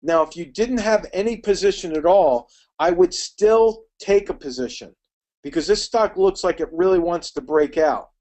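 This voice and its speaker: Middle-aged male webinar instructor, slightly high voice, rapid and chatty. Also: expressive, darkish tone. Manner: quick, chatty, addresses attendees by name. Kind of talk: live webinar teaching.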